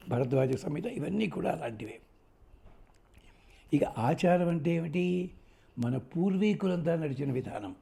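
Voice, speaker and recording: A man giving a religious discourse, reciting verses slowly and then explaining them in a plain, conversational way. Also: medium pitch, creaky, dark tone, breathy edge. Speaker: spiritual teacher.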